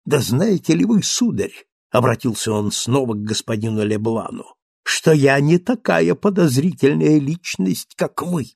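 A man's voice: mid-range voice, lively intonation, moderate pace, creaky, a little mellow, breathy edge, no echo, clean studio sound. A man voicing a greedy, vicious middle-aged innkeeper villain, gloating and snarling in an audiobook reading. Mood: ranting.

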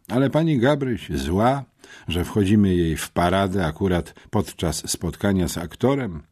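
A man reading a children's book aloud in first person, expressive and wry. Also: fairly low pitch. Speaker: audiobook narrator.

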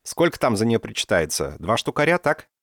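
A man's voice: fairly low pitch, very animated, fairly quick, fairly bright tone, no echo, clean studio sound, voice pushed up, exaggerated voice. A man voicing a brash, grumbling young woman hunter who haggles mockingly, in an audiobook. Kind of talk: audiobook character voice.

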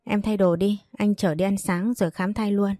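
Woman doing a doting young husband in a read-aloud story, coaxing and soft, mellow. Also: medium pitch, steady tone, normal speed, no room sound, lightly acted. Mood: caring. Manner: caring, coaxing.

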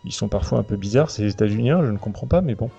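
A man with a lowish, mellow voice hosts a semi-prepared film discussion podcast, talking animatedly and very fast yet often hesitating as he hunts for words. The audio is dull and lo-fi, with clearly audible music playing behind him.

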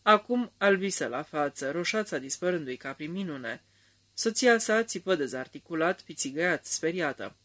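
A man narrating a radio drama in a calm, measured storytelling manner. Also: on the high side.

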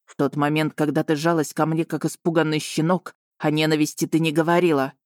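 A woman's voice: sits low, flat delivery, a little fast, no room sound, studio quality, close to an everyday voice. Woman reading as a domineering dragon lord. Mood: menacing. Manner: hissing, growling menace. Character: domineering dragon lord, grown man, cold and possessive.

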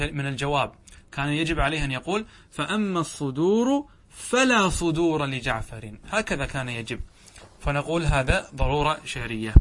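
Male teacher, slightly higher voice, patient question-and-answer lecturing style. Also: fairly bright tone, a little hiss or hum. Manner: explanatory, asks and answers own questions. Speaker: sheikh teaching Arabic grammar. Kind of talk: classroom lesson commentary on a grammar text.

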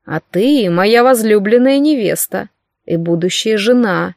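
A woman reading an audiobook, voicing an arrogant, cruel young male court sorcerer with slow, mockingly tender speech. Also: medium pitch, expressive, creaky, dry recording, studio quality.

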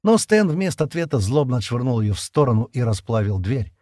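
A man narrating a science fiction story in an expressive, dramatic reading. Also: mid-range voice, fairly quick, dry recording, clean studio sound. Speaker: audiobook narrator. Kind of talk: scripted sci-fi narration.

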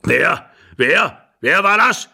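Man voicing a hoarse, blustering old husband, fussy, excitable, loud, raised voice, storybook reading. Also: a little high, fairly quick, voice pushed up. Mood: flustered alarm.

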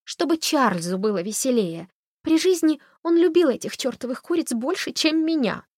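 A woman voicing an eccentric, pushy older widow who talks loudly and insistently. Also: high-pitched, lively intonation, normal speed, no echo, clean studio sound, voice pushed up. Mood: grumbling. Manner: loud, insistent, gossipy.

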